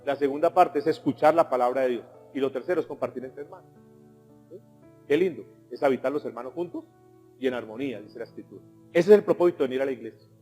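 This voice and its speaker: Earnest pastor preaching in reverb. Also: male voice, mid-range voice, fast. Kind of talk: sermon. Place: church hall. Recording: long hall reverb with soft music behind.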